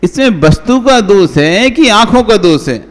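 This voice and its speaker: A man's voice: high voice, lively intonation, unhurried, big-room sound. A man, a monk, giving a conversational sermon, asking his listeners rhetorical questions and calling on them by name. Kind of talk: devotional sermon.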